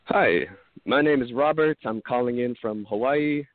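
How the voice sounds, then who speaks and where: A man calling into a radio show over a phone line, speaking calmly and earnestly. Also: mid-range voice, moderate pace, dry recording. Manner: calm, earnest, spiritual phrasing. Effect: caller heard over a phone line. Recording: tinny phone line, dry.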